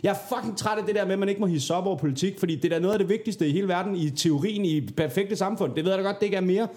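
A man with a fairly high, soft-edged, mellow voice. He talks like a podcast co-host among friends, blunt and opinionated, swearing freely as he argues his points. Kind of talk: casual, ranting podcast chat.

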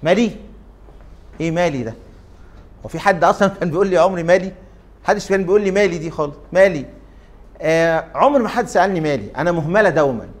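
A man with an Egyptian Arabic accent lectures to a class in a fairly high voice. He keeps tossing questions to the students and drags out his fillers while he thinks. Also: expressive, rapid-fire, long pauses. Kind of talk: interactive lecture.

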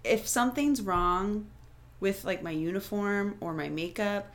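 A young adult woman co-hosting a podcast, telling stories in a chatty, animated way. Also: medium pitch, measured pace. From Florida. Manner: chatty, animated storytelling with laughter. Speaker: podcast co-host. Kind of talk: casual chat.

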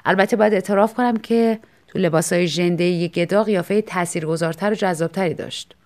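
Self-assured male painter played by a woman, unhurried, teasing, storybook reading. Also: on the low side, darkish tone, lightly acted. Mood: amused calm.

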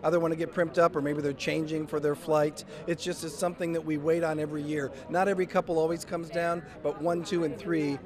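A man's voice: fairly high pitch, flat delivery, a little fast, few pauses. A man giving casual live commentary outdoors on a red carpet. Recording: busy outdoor crowd behind.

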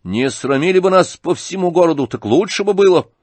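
A man voicing an angry, bitter young son who snaps in sharp, spiteful outbursts. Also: fairly low pitch, big pitch swings, slow, vocal fry, breathy edge, no room sound, full character voice. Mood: spiteful anger.

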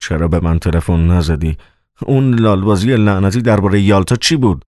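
Man doing a scared accountant, deep voice, tense hurried murmur, dry close sound. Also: a little mellow, no echo, lightly acted. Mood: frightened, urgent. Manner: tense, urgent whispering. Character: frightened middle-aged male theater accountant.

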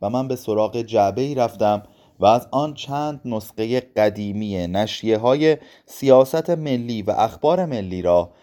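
Calm guy reading a novel aloud, mellow warm voice, steady. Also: on the low side. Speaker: audiobook narrator. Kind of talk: literary audiobook narration.

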